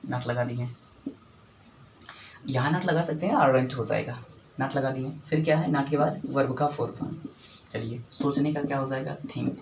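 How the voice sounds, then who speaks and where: एक आदमी, अंग्रेज़ी पढ़ाता शिक्षक, हल्के शोर के साथ. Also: male voice, medium pitch, slight background noise, low-quality recording. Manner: repeats key words and asks questions to check understanding. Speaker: English teacher. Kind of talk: spoken English lesson at a whiteboard.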